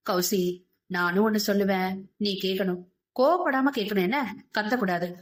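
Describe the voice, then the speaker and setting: A woman voicing a gentle middle-aged husband and father who talks in a soft, coaxing, pleading way. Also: medium pitch, moderate pace, lightly acted.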